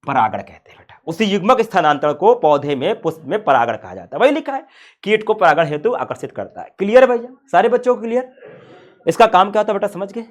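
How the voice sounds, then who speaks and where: Man, high voice, playful teacher, rhetorical questions. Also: sing-song, quick pace. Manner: playful, asks rhetorical questions, calls students "son". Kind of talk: classroom science lecture.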